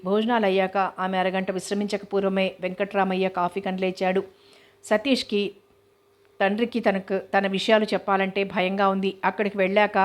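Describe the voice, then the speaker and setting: Flat-voiced woman reading a novel. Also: mid-range voice. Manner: even, steady reading, voicing all characters lightly. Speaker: novel reader. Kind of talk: audiobook novel narration.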